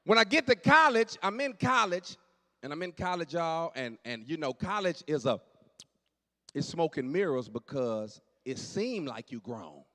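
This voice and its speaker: Guy in his late 40s doing standup, kinda high voice, swings low to loud, hall echo on it. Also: measured pace. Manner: animated, drops to low asides and jumps up for punchlines. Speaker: stand-up comedian. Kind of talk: stand-up comedy storytelling. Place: church hall on stage. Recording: long hall reverb.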